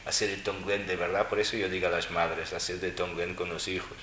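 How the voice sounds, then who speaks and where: A man's voice: low-pitched, flat delivery, brisk, pushed and bright, a little hiss or hum. Man, Buddhist teacher, wry mocking dharma talk, echoey room. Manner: wry, mocking asides with mimicked voices. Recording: roomy echo with faint ambience.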